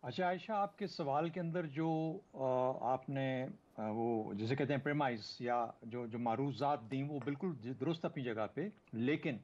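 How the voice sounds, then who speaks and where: A man joins a TV panel to explain cricket matters in a calm, steady way, pausing now and then to find his words. His voice sits mid-range, and the sound is dull and lo-fi, like a remote link. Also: mid-range voice. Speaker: cricket analyst guest. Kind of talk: TV panel analysis.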